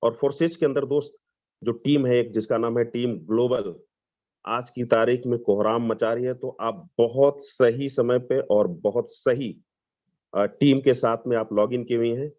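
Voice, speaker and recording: A man from Lucknow, giving an enthusiastic sales pitch on a video call and mixing in English phrases. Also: steady tone, a little slow, a little mellow. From Lucknow, Uttar Pradesh, India. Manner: enthusiastic, persuasive, mixes English phrases, repeats "dost". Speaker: webinar presenter. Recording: dull lo-fi video call audio.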